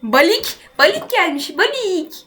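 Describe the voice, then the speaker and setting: A woman's voice: very high voice, big pitch swings, sharp tone. A woman giving casual gameplay commentary, chatting to herself and her viewers while she builds. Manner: chatty, talks to herself while playing, quick exclamations. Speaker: gaming channel host.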